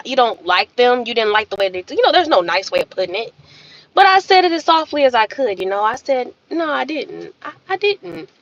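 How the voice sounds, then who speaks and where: A woman's voice: fairly high pitch, highs cut off. A woman hosting a livestream, telling a story in a casual, sassy way and talking straight to her viewers. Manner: animated, sassy, addresses viewers as y'all. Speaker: livestream host.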